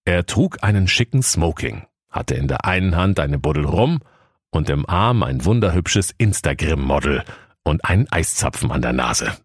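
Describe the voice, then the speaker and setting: Very deep-voiced male storyteller. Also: very animated, moderate pace, slightly rough, no echo, studio quality. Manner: playful, storytelling, mock-solemn. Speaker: narrator. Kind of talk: comic scripted narration.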